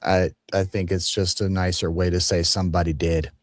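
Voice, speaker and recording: Deep-voiced deadpan podcast man. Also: normal speed, no room sound. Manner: dry, deadpan quips. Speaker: podcast co-host. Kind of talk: casual chat.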